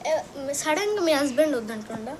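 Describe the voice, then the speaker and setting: High-voiced woman with a Telangana accent. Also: big pitch swings, a little fast, noisy background. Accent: Telangana Telugu. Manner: pleading, emotional. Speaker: vlogger. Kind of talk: casual vlog chat. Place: outdoors.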